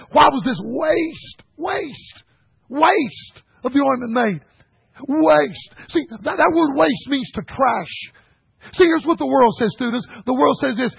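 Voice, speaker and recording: A man's voice: very high voice, creaky, breathy edge, dry recording. An older man preaching a revival sermon, with folksy storytelling and calling the congregation son and buddy. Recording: dull lo-fi sound.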